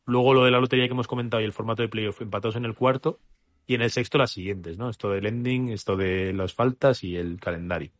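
A man's voice: fairly low pitch, fairly even intonation, fast. A man co-hosting a casual podcast, thinking aloud with many hesitations as he weighs his opinions. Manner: musing, hesitant, restarts often. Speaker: podcast co-host.

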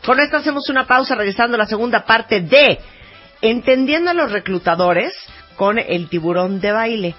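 A woman with a Mexican accent hosting a radio show, joking and protesting in quick banter. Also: on the high side, lively intonation, husky, faint music behind. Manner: joking, protests loudly, quick back-and-forth. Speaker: radio host. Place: radio studio. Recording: dull radio studio audio.

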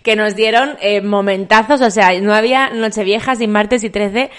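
A woman's voice: medium pitch, normal speed. Castilian woman in her forties, chatting. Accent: Castilian Spanish. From Spain. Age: 40s. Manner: colloquial, expressive. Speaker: co-host. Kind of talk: casual chat, nostalgic anecdotes.

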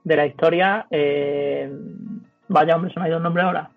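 A man's voice: on the high side, steady tone, normal speed, creaky. A man with a Spanish accent chatting casually as a podcast co-host, blunt and sweary. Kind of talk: casual chat. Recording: phone-like thin sound, music behind.

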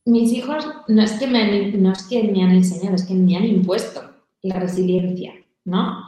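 A woman's voice: mid-range voice, moderate pace, dark tone. A middle-aged woman answering interview questions in an earnest, storytelling way, sometimes voicing her children. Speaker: founder of a volunteer mothers' group, guest. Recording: very echoey room.

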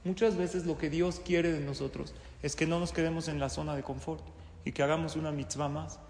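A man's voice: a little high, fairly even intonation, brisk, a little mellow, a little hiss or hum. A man teaching a Torah class to live listeners in a hall, often asking them rhetorical questions. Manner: asks the audience rhetorical questions. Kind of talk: religious class lecture. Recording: roomy hall with long reverb.

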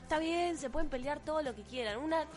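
A teenage girl with an Argentine accent and a high voice delivers a blunt, sarcastic rant straight to her viewers. She swears freely and mocks her critics. Faint music plays underneath. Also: fast. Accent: Argentine Spanish. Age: teens. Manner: blunt, profane, sarcastic ranting. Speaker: vlogger. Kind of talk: opinion rant to camera.

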